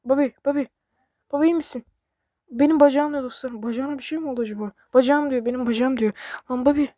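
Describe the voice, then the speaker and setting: A woman giving excited gameplay commentary, chatty and talking straight to her viewers, recorded on a bassy microphone. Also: quick pace, no echo, clean studio sound. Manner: excitable, frequently yelling to her game companion; chatty, addresses viewers directly. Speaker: gaming video creator.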